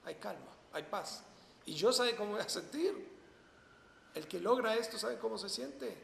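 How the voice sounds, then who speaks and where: A man's voice: high-pitched, animated, measured pace, gravelly, a bit bright, echoey room, long reverb tail, a little hiss or hum. A man with a Rioplatense accent teaching a Torah lesson, asking rhetorical questions and then answering them emphatically. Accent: Rioplatense Spanish. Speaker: religious teacher. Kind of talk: Torah lesson to a small audience.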